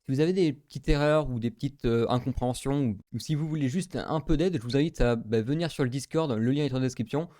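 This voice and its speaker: A man's voice: mid-range voice, fast, hardly any pauses, dark tone, dry recording, studio quality. Casual man talking through a tutorial. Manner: casual, many fillers, thinks aloud. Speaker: tech tutorial host. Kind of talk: screen-recorded tutorial walkthrough.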